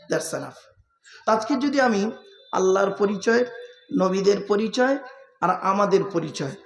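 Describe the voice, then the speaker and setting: A male Islamic preacher from West Bengal giving a waz sermon, who keeps asking the gathering questions and drilling their answers. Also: high-pitched. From West Bengal, India. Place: large religious gathering. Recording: echoey public-address sound at a gathering.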